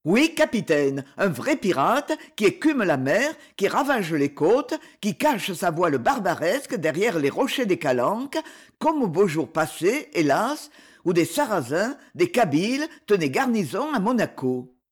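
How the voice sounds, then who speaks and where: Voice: mid-range voice, very animated, a little slow, slightly rough. A reader voicing a pompous old male sea captain who gives a rousing, declamatory speech in an audiobook. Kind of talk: audiobook reading.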